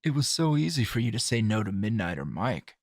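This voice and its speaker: This intimate ASMR roleplay has a man cast as a hero and coworker who is calm, dry and teasing. His delivery is halting, low-key and chatty, with no room sound at all.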